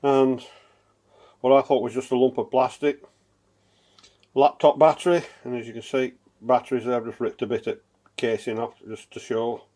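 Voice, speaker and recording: A man with a Northern English accent vlogs casually outdoors by a river, raising his voice over the wind. His mid-range voice has little pitch movement, normal speed and long pauses, with no echo. The windy recording carries loud wind noise.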